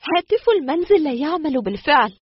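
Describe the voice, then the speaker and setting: A man's voice: very high-pitched, lively intonation, quick pace, no echo, muffled recording, pitched above the performer's own voice. A man reading a story aloud, voicing a wary and indignant young woman who stammers and fires off suspicious questions.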